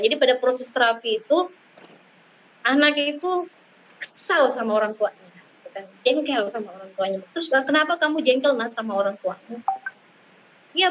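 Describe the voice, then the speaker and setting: A woman speaking on parenting as a child therapist, talking slowly with many fillers and repeated words. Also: fairly high pitch, a little hiss or hum, rough recording. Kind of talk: talk on parenting with audience questions.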